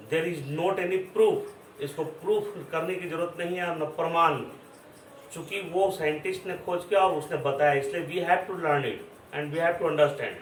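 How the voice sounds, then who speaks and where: A man giving a classroom lecture, explaining slowly and repeating his words. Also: fairly high pitch. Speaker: teacher. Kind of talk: classroom lecture mixing Hindi and English. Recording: echoey room, voice from a distance, faint background noise.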